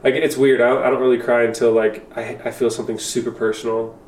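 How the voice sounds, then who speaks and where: A man's voice: medium pitch, little pitch movement, fast talker, a little mellow, a little hiss or hum. A young man chatting casually on a podcast, rambling with lots of fillers and restarts. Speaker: podcast co-host. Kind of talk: casual chat. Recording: roomy and a bit distant from mic.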